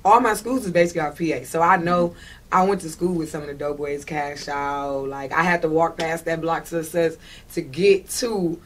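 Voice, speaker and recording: Low in pitch and fairly even in intonation, a woman's voice comes at normal speed with a little hiss or hum. She's a Detroit, United States local with a Detroit accent, casually chatting as an interview guest in an emphatic, slangy way and regularly checking that the listener is following.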